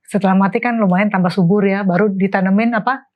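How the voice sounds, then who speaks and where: A woman's voice: mid-range voice, steady tone, fast. A woman in a casual Bible study discussion, explaining her point with homely, everyday examples. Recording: dull lo-fi sound.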